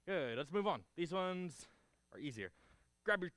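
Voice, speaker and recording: A man's voice: a little high, very animated, unhurried, fairly bright tone, no room sound, clean studio sound. A man instructing a martial arts class, giving short clipped counts and cues along with encouraging feedback as he demonstrates moves.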